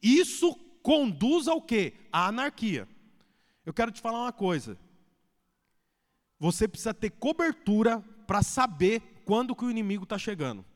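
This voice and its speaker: A man preaching a sermon as pastor, swinging between loud and hushed delivery. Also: high voice, big pitch swings, moderate pace. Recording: echoey hall reverb.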